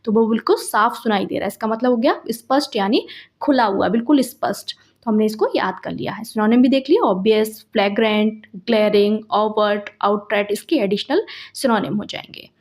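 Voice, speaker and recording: A woman's voice: medium pitch, fairly quick. A woman with a Hindi accent teaching vocabulary for exams, explaining memory tricks step by step and repeating key points. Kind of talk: vocabulary lesson for exam prep.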